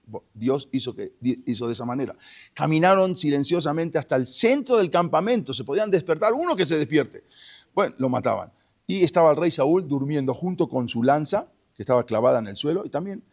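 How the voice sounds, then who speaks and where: A man retelling a Bible story in a lively, animated way, with asides to his listeners. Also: medium pitch. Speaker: religious storyteller.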